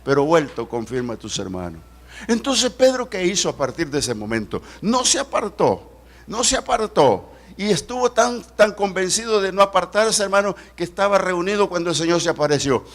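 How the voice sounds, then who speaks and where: A man with a Salvadoran Spanish accent preaching a sermon as pastor, swinging between loud emphatic peaks and low quiet drops. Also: lively intonation, normal speed.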